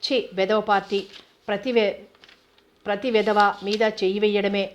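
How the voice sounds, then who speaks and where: A woman's voice: mid-range voice, little pitch movement, normal speed, lightly acted. Woman voicing a disgusted young wife. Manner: sharp, disgusted. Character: young wife, proud and indignant. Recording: dull lo-fi recording.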